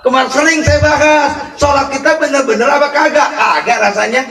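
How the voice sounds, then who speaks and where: A man giving a joking, animated sermon at a condolence gathering at a home, swinging between shouts and soft murmured prayers. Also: extremely high pitch, fairly quick. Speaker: preacher. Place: house gathering. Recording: echoey, voice from far off the mic.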